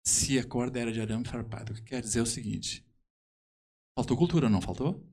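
A man with a southern Brazilian accent, a musician guest in a conversational interview, telling anecdotes in a halting, emphatic way. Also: medium pitch, a little mellow.

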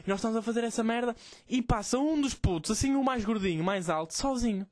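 A man's voice: very high-pitched, fast, no room sound, studio quality. A man, hosting a podcast as a rambling, profane, self-mocking comic monologue. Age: 20s. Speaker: podcast host.

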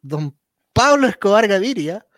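Deadpan Chilean man, dry high voice. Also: unhurried, dry recording. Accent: Chilean Spanish. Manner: deadpan quips and trivia. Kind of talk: casual comedic chat.

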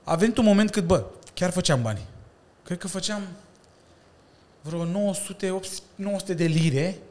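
A man in his thirties, a breakdancer and stuntman, chatting as a podcast guest and telling lively stories with slang and laughter. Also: high-pitched. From Romania. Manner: animated storytelling with slang and laughter. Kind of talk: casual chat.

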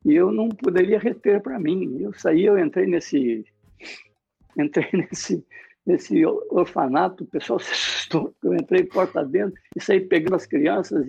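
Gravelly, husky man preaching a testimony. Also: high voice, darkish tone, no room sound, dull audio. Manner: emotional storytelling with many restarts. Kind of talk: sermon testimony.

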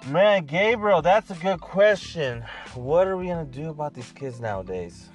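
A man's voice: fairly high pitch, animated, normal speed, soft background music. Joking man in his thirties hosting. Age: 30s. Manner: loose, joking, cursing. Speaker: podcast host. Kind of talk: casual chat.

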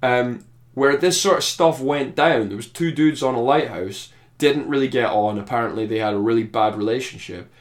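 Man reviewing a film in relaxed chat; thoughtful, meandering delivery. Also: medium pitch, normal speed. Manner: thoughtful, rambling with restarts. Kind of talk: casual podcast chat.

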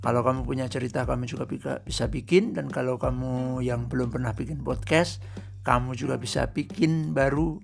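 A man's voice: mid-range voice, fairly even intonation, fairly quick, gravelly, faint music behind. A man hosting his own podcast, talking in an easygoing, rambling, conversational way. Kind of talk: casual solo podcast monologue.

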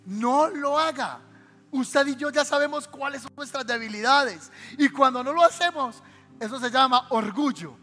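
Colombian male pastor, very high bright voice, fervent sermon with shouted calls and amens, hall reverb and soft music behind. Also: moderate pace. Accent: Colombian Spanish. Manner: preaching with sudden shouted exhortations; addresses the congregation directly, asking for amens.

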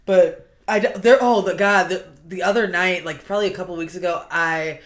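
A young woman in casual chat, telling stories in a relaxed way with some swearing. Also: on the low side, brisk. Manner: relaxed storytelling, swearing, lively. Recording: roomy echo.

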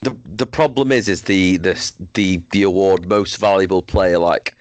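A man's voice: sits low, normal speed, no echo. A man hosting a casual sports podcast, leading the segment with frequent restarts. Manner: leads the segment, many restarts. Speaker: podcast host.

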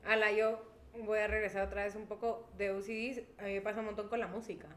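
A woman's voice: medium pitch, quick pace. A young woman, a co-host who tells stories in casual chat and laughs along as she goes. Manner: lively storyteller, laughs while telling. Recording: echoey room.

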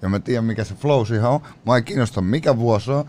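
A man's voice: medium pitch, darkish tone. A man in casual chat, slangy and loose, slipping into rapped and sung lines. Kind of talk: casual chat with freestyle rapping.

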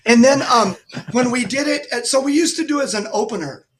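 A middle-aged man from Texas, a guest musician telling animated anecdotes in a casual interview. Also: very high voice, fairly quick, slight background noise. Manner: animated anecdotes with lively acted-out quotes.

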